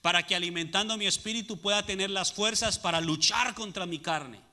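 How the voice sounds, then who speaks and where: A man's voice: high voice, brisk, pushed and bright. A man preaching a sermon as pastor, asking the congregation rhetorical questions and answering them. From Latin America.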